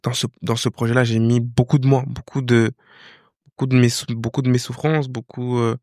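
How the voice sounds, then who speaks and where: A young man with a gravelly edge to his voice, talking loosely and full of slang as he thinks aloud. He restarts and repeats words, and the close, dry studio sound puts him right at the mic. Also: mid-range voice, little pitch movement, moderate pace, darkish tone, dry recording. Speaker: singer and guest. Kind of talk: casual interview chat.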